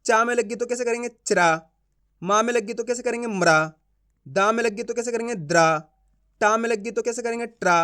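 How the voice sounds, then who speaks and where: Young guy w/ a teaching letters, high voice, keeps quizzing himself and answering. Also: level tone, bright, forceful tone. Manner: drills sounds slowly, asks and answers own questions. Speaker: Hindi reading teacher. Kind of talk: step-by-step phonics lesson.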